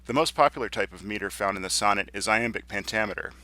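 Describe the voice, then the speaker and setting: Bright-voiced man giving a lesson. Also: lowish voice. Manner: explanatory, reads poems aloud slowly. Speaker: teacher. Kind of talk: recorded lecture.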